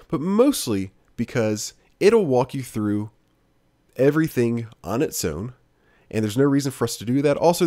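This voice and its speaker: A man narrating a software tutorial screencast as instructor, in a steady, plain-spoken, explanatory way. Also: lowish voice, dry recording, clean studio sound.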